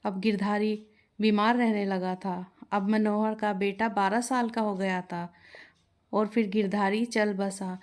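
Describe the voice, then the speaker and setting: A woman's voice: mid-range voice, little pitch movement, slow pace. A woman reading a moral storybook tale aloud as narrator, voicing each character in the dialogue herself.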